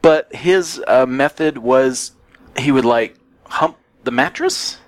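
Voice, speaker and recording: A man guest telling a story in a casual podcast chat, with a dry, unhurried delivery. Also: medium pitch, very noisy.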